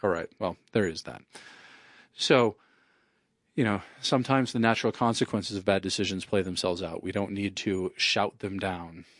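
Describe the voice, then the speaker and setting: A man's voice: sits low, moderate pace, fairly bright tone, no room sound, clean studio sound. A man who works as an estate planning attorney, talking in a wry, conversational way and leaning on "you know". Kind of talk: casual spoken monologue.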